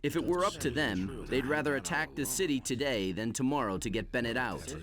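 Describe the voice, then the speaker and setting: Man as blunt, aggrieved mercenary, lively pitch. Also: brisk, crowd noise, close to an everyday voice. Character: indignant, wary male mercenary smith's comrade. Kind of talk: video game dialogue acting.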